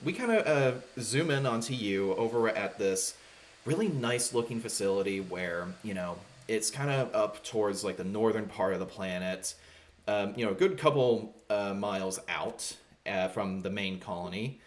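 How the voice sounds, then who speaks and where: A man running a tabletop game as game master, narrating in a rambling, relaxed way full of fillers. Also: on the low side, moderate pace, slight background noise.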